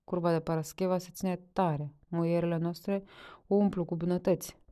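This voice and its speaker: A woman's voice: on the low side, flat delivery, warm tone, clear, resonant tone, lightly acted. A woman reading a story aloud voices a curt male deputy giving reports.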